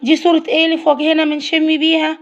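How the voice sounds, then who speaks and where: A woman's voice: sits high, monotone, racing, lo-fi sound. A woman with an Egyptian Arabic accent teaching young children to read, patiently sounding out letters and praising them. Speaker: primary school teacher. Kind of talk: children's reading lesson.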